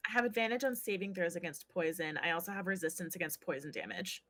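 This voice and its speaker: A woman's voice: fairly low pitch, animated, fast talker, fairly bright tone. A woman player in a tabletop game, talking casually about rules and her character's actions.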